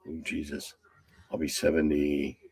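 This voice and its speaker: A creaky, husky voice holds a level tone at a moderate pace: a game designer in his seventies, guesting in a casual interview. He's blunt and digressive, going low and quiet as he winds down, with no room sound.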